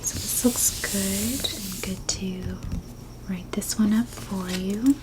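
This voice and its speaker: A woman doing a whispered role-play as a helpful librarian, speaking in a gentle, breathy hush. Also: mid-range voice, steady tone, very noisy. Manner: hushed librarian manner, gentle and unhurried. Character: soft-spoken, helpful female librarian checking out books.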